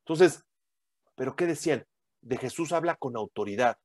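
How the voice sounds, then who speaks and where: A man's voice: medium pitch, expressive, moderate pace, dry recording, studio quality. A man giving a teaching sermon to a group, emphatic and full of rhetorical questions and tag questions.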